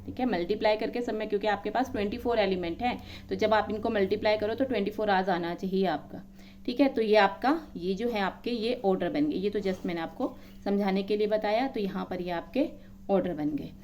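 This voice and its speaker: A woman's voice: medium pitch, brisk, darkish tone, slight background noise. A woman maths teacher explaining a lesson, counting items aloud one by one and checking in often with her students.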